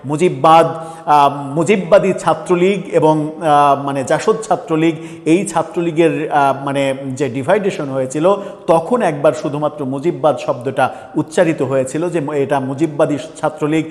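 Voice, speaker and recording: A man's voice: fairly high pitch, fairly even intonation, normal speed, in a large hall. A man giving a political commentary monologue, earnest and pressing, with frequent filler sounds and restarts.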